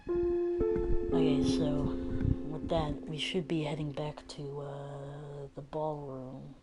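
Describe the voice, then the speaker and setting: A woman's voice: deep voice, flat delivery, takes it slowly. A woman playing a text game, reading its narration aloud and chatting casually about her next moves. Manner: casual, reads text then chats. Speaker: let's play narrator. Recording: game music playing underneath.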